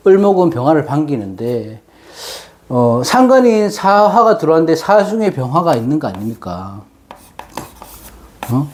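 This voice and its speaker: Male lecturer, mellow and fairly high-pitched, slightly numb-mouthed slurring from dental work, explaining off the cuff with pauses. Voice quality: slightly slurred, tangled articulation after dental anesthetic. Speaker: fortune-telling lecturer.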